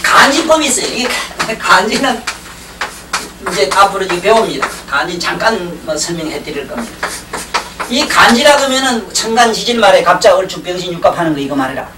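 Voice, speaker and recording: A man's voice: high-pitched, sing-song, fairly quick, far from the mic. A man lectures on Chinese classics to a class, rambling from point to point, cracking jokes and checking that his listeners follow. It sounds like an old 1990s lecture tape. The room is echoey, the mic sits well away from him, and a faint hiss runs underneath.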